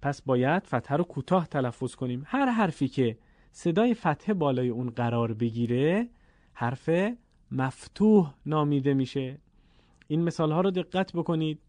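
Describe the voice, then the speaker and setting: A man's voice: fairly high pitch, animated, darkish tone, no echo. A man with a Persian accent teaching Quranic Arabic vowel lengths, patiently drawing out each sound in a classroom-style lesson. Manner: patient, repeats sounds slowly and deliberately.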